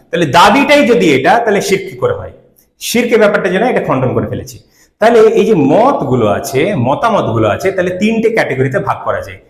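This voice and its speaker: Preacher guy, argues hard, rapid talk, roomy echo. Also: high voice. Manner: argumentative, rhetorical questions. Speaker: Islamic preacher. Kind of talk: religious lecture.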